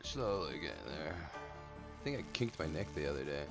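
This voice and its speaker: A man's voice: rumbling low, big pitch swings, moderate pace, creaky, over music. A man streaming a game live, joking crudely with chat and muttering repeated phrases to himself.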